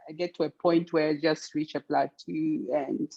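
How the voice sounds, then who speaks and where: Woman, 40s, lowish voice, hesitant casual introduction, muffled call audio. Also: level tone, normal speed, vocal fry, dark tone. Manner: hesitant, searching for words. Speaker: webinar participant.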